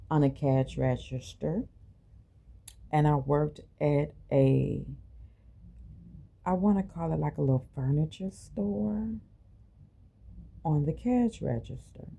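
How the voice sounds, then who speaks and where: A woman with a deep, dark-toned voice and vocal fry, who works at a medical clinic, gives an impassioned personal monologue. Her phrasing is colloquial and informal, emphatic, and packed with rhetorical questions.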